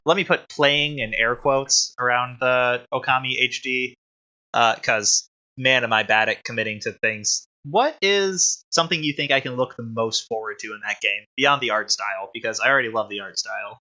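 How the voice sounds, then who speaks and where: Bright-voiced joking podcast co-host man. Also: mid-range voice, normal speed, highs cut off. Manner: rambling, self-deprecating, jokey. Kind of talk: casual chat.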